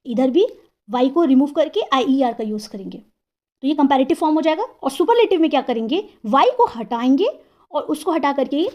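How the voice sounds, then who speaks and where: A woman teacher explaining English grammar, asking herself questions and sounding out words slowly, syllable by syllable. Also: high voice, a little mellow. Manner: asks and answers her own questions.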